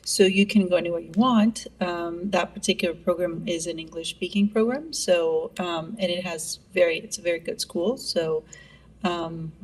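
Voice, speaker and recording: A middle-aged Greek woman, a neurologist appearing as an interview guest, answers questions in a friendly manner with plenty of fillers. Her voice sits fairly low and moves at a moderate pace. The recording is low quality, with the mic placed at a distance.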